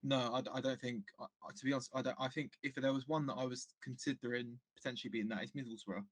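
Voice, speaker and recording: Brief: man of middling pitch, casual fan guest, halting delivery with lots of restarts. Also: fairly even intonation. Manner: hesitant, many restarts and fillers. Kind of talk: casual football chat.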